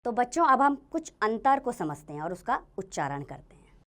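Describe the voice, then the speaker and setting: Lively woman teaching young children. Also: a little high. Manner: slow, sounding out each letter and word; asks children questions then answers them. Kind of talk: children's grammar lesson.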